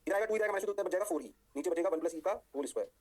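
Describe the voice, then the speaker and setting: Fast-talking, lively physics teacher man. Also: high-pitched. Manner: lively, sing-song, answers his own questions. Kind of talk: online physics lecture.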